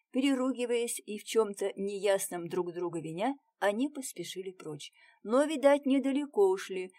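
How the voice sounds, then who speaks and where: A woman narrating an audiobook with expressive reading that drops to a hush in tense moments. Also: medium pitch. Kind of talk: scripted narration.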